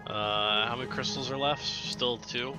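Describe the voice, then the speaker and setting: A man's voice: medium pitch, steady tone, measured pace, music in the background. A man talking casually as a player in a tabletop game.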